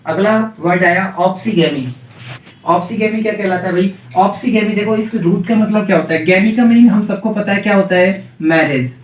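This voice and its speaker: A man teaches vocabulary with a Hindi accent, drilling each word by asking it again and again. His voice sits high for a man. The recording is roomy and echoey, with the mic placed a little away from him. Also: normal speed. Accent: Hindi-accented English. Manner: repeats questions and has students echo answers. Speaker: English teacher. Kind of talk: classroom vocabulary lesson. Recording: echoey room, mic at a distance.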